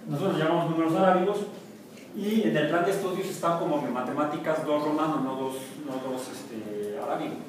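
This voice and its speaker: Speaking a little fast in a slightly high voice, a Mexican man teaches university math, keeping it jokey and quizzing the class. The audio is far away in an echoey classroom, with background noise.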